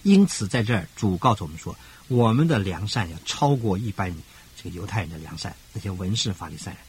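Very husky, low-voiced older male preacher. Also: animated, a little fast. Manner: emphatic, rhythmic parallel phrasing with sudden rises. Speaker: pastor. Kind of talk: radio sermon.

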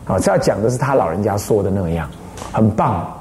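A man's voice: lowish voice, animated, a little fast, a little mellow, a little hiss or hum. An older man, a Buddhist abbot giving a dharma lecture in a teacherly way, often checking in with rhetorical questions.

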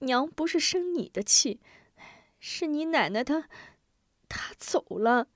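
A woman voicing a tender, grieving mother who speaks softly and gently. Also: high-pitched, lively intonation, slow pace, dry recording, clean studio sound, voice pushed up.

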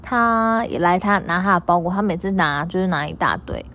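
A young woman, a store clerk telling her followers a story in a chatty, animated way and repeating things for emphasis. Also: lowish voice, fairly quick.

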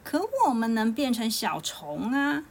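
A woman's voice: a little high, expressive, a little slow, creaky, full character voice. A woman voicing a clever, cheeky little boy, the monkey king's son, in a storybook tale. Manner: bright, confident, teasing.

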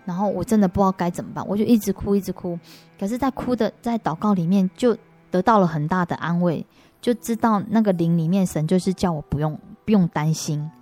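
A woman with a Taiwanese Mandarin accent speaks in a fairly low voice as an interview guest. She tells her faith testimony earnestly, often restarting her sentences, while soft music plays faintly behind her. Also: a little fast.

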